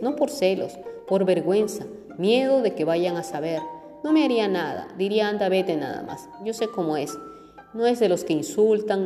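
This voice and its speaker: A woman voices a humble young chauffeur who confides his worries in a low, mellow, plaintive tone. The reading has a long reverb, with faint music underneath. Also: close to an everyday voice. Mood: earnest. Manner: plaintive, confessional.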